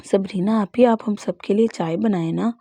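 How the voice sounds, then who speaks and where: A mischievous young man, read by a woman narrator who loves stirring up trouble. The voice is mellow and slightly gravelly, with a playful, scheming lilt. It sounds dry and close, like a storybook read at home. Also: mid-range voice, dry recording, close to an everyday voice. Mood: teasing. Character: teasing mischievous young man, a prankster cousin.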